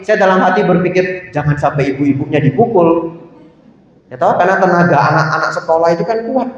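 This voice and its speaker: A Buddhist monk delivers an animated storytelling sermon, often addressing his listeners directly. His voice sits a little high and carries through a large hall with long reverb. The recording is distant and somewhat dull. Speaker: Buddhist monk giving a Dhamma talk. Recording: echoey hall, distant mic, dull sound.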